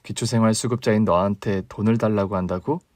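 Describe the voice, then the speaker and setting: A man voicing a caring older sister in a radio drama reading, calm and consoling in a low, quiet tone. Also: fast talker, no echo, clean studio sound, close to an everyday voice. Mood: concerned. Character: young woman, steady caring older sister.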